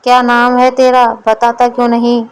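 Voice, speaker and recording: A woman's voice: fairly high pitch, completely flat delivery, moderate pace, clear, resonant tone, close to an everyday voice, poor audio. A woman voicing a lazy, gluttonous fat man who grumbles and scolds his servant in a storybook. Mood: scolding.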